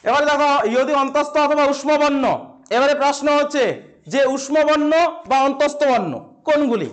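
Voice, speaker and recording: A man with a West Bengal accent leads a classroom grammar lesson, posing questions and then answering them himself. He slows down to stress key words and repeats them. His pitch is extremely high and his tone stays steady.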